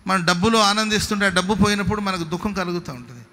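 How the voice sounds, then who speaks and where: High, bright-voiced man preaching. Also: rapid-fire. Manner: emphatic preacher, swings between loud exhortation and soft asides. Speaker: pastor. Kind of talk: sermon. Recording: long hall reverb.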